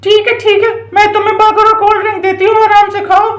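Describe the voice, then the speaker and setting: A woman's voice: extremely high pitch, flat delivery, fast, reverberant. A woman voicing a stubborn village mother in a toy doll story, scolding and bargaining.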